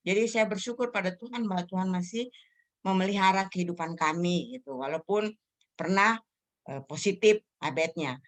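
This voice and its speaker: A woman's voice: fairly low pitch, normal speed. A middle-aged woman sharing a personal church testimony in a casual, emotional way, full of fillers and restarts. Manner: emotional, rambling with frequent fillers and self-corrections.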